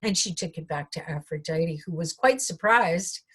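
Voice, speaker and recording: Woman storyteller, myth told aloud with reflective asides, breathy and a little low. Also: lively intonation, normal speed, a bit bright.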